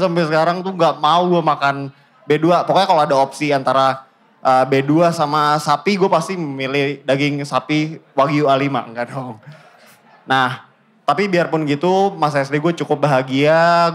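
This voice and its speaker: A man in his twenties with a Jakarta accent, telling his life story in a casual, joking way with deadpan fake-outs and English mixed in. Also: fairly high pitch. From Indonesia. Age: 20s. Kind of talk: casual stand-up style storytelling.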